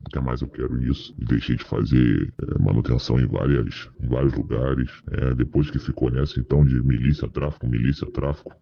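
Anonymous man, voice-changer disguise, ultra-deep and gravelly, halting delivery. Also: fairly even intonation, dry recording, highs cut off. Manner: halting, repeats himself. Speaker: anonymous resident interviewee.

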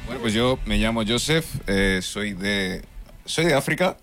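A man's voice: fairly low pitch, animated, unhurried, music in the background. A man in his twenties from Nigeria doing a chatty stand-up set that keeps checking in with the crowd. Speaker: stand-up comedian.

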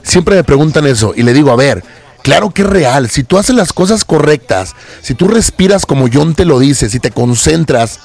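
A man's voice: on the high side, lively intonation, normal speed, vocal fry, a little mellow. A man hosting a live radio show in a studio, upbeat and playful. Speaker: radio host.

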